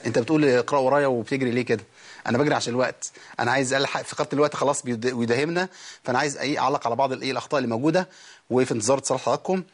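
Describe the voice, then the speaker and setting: A quick-talking Egyptian man leads a recitation lesson on air, explaining pronunciation rules at speed and stopping callers to correct them. His pitch sits in the middle range. When he models the verses, he chants them slowly and melodically. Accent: Egyptian Arabic. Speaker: Quran recitation teacher, radio/TV host.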